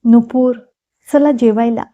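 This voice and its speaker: A woman voicing a dignified older matriarch, speaking gently and motherly. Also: fairly high pitch, fairly even intonation, unhurried, lightly acted. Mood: kindly. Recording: dull lo-fi recording.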